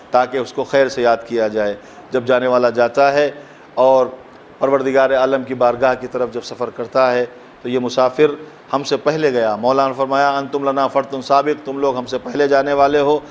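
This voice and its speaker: A man's voice: medium pitch, slight background noise. A man, a cleric giving an impassioned mourning sermon at a mosque gathering, who asks rhetorical questions and rises into a fervent recited couplet.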